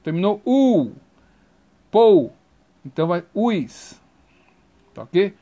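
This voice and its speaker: High-pitched man, a teacher who spells words letter by letter at an unhurried pace. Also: very animated, dark tone, muffled recording. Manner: spells out letters and repeats rules slowly. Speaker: grammar teacher. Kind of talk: recorded grammar lesson.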